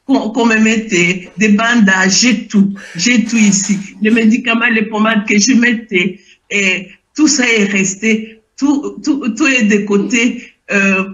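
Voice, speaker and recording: An older woman who lives in Belgium gives an emotional testimony as a church member, hesitating and repeating herself while she searches for words. Her voice is on the high side, slow and fairly bright, though the audio sounds dull.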